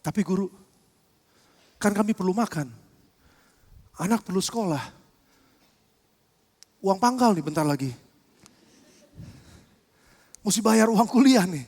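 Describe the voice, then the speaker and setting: A preacher putting on a soft, anxious male disciple. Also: lively intonation, a little slow, long pauses, long reverb tail, exaggerated voice. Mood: pleading. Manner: soft, low and pleading.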